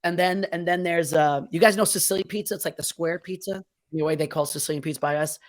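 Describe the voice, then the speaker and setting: A man's voice: fairly high pitch, fairly even intonation, fast. Rambling New man, playful. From New Jersey. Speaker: podcast guest. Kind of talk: casual chat.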